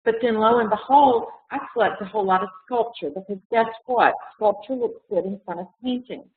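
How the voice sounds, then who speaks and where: She's an art collector whose voice sits on the high side and moves fairly quickly. Chatting casually in a webinar, she rambles with frequent fillers and restarts as her voice starts to fail. It's captured over a tinny video call in an echoey room.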